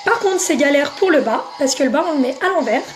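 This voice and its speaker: Casting: high-pitched woman, chatty live-stream makeup seller, faint music under her. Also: lively intonation, fast. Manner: chatty, talks straight to viewers by name. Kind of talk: casual live selling chat, answering comments.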